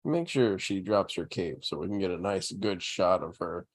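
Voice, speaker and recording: A man co-hosting a casual watch-along livestream, making joking asides and quick reactions. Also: deep voice, animated, no echo. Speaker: podcast co-host.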